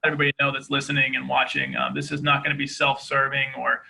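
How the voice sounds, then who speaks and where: A man from East Boston with a softened Boston accent, telling his life story earnestly in a podcast interview. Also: medium pitch, monotone, fast talker, vocal fry, husky, poor audio. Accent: Boston, softened by years in Georgia. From East Boston, Massachusetts. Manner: earnest, open, many fillers. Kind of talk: candid conversational interview.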